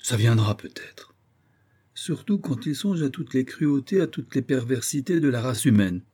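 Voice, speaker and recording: A man reading an audiobook, voicing an excitable eccentric sleuth who talks theatrically, like a street hawker. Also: medium pitch, normal speed, breathy edge. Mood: jovial. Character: excitable eccentric middle-aged male sleuth.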